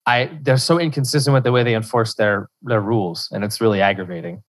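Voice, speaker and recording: A young man from South Central Louisiana, guesting on a podcast, talks fast in a fairly low voice. In casual interview chat he speaks in loose, rambling bursts packed with restarts and fillers.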